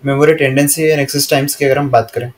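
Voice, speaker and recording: An Indian man with a mid-range voice works through slides, speaking plainly and evenly with little rise or fall. Each English line is read out slowly before he explains it at a steady, classroom-like pace.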